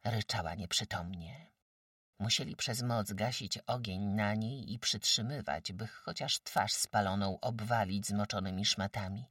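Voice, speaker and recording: Bright-voiced male audiobook narrator. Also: fairly low pitch, a little slow, no room sound, clean studio sound, far from the mic. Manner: dramatic, expressive storytelling. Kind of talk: audiobook narration of a classic novel.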